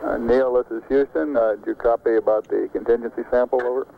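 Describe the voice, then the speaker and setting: A man calling from mission control over a radio link with bursts of static, in brisk formal radio protocol. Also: medium pitch, steady tone, creaky. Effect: radio transmission with static bursts. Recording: muffled radio with static noise.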